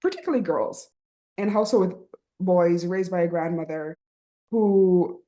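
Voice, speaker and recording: A Barbadian woman with a low, mellow voice speaks at a moderate pace, and the recording's highs are cut off. She's a guest who founded a writing program, talking earnestly and reflectively in a conversational interview, often saying "right?" and laughing softly.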